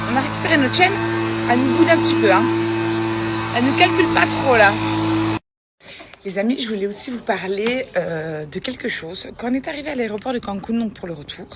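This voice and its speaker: A woman's voice: fairly high pitch, lively intonation, moderate pace, pauses often, over loud music. A woman vlogger chatting casually and loosely to her followers, with a slight lisp that makes her s sounds slushy.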